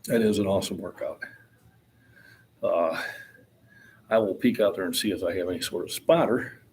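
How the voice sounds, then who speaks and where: In a low, darkish voice at a moderate pace, a sixty-something fitness vlogger chats at the gym about his lifting. He rambles, keeps it plainspoken, and chuckles readily; the recording carries a little hiss or hum.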